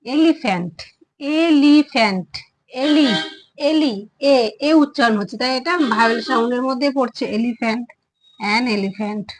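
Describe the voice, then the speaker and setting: Speaking at a moderate pace with a fairly high voice, a woman runs an English grammar class for children, heard through poor audio. She patiently explains, going over words again and sounding out every vowel.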